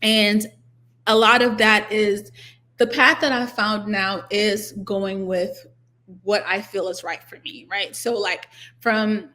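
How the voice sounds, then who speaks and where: A woman's voice: medium pitch, steady tone, slow pace, pushed and bright. A young woman in her twenties, originally from Nigeria and raised in the US, answering interview questions thoughtfully, with fillers and restarts. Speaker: guest, doctoral student.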